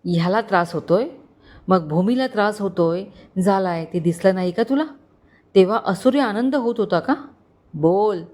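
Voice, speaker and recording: A woman's voice: mid-range voice, moderate pace, lightly acted. A woman playing a furious commanding husband. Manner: shouting, commanding, stony. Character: furious protective young husband.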